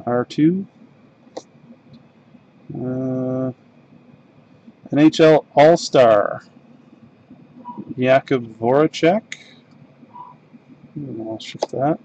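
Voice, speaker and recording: A Canadian man hosts a live card break from the desk in his home card room, opening packs and mumbling the card names in an easygoing, unhurried way. His voice is medium-pitched and a little mellow, and the recording sounds muffled.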